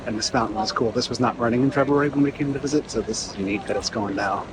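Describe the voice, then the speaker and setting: A man's voice: medium pitch, fast talker. A middle-aged man narrating a casual walking-tour vlog outdoors, enthusiastic and offhand about the details. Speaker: visitor filming a walking campus tour. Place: outdoors walking, some indoor stretches. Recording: outdoor urban noise, traffic ambience.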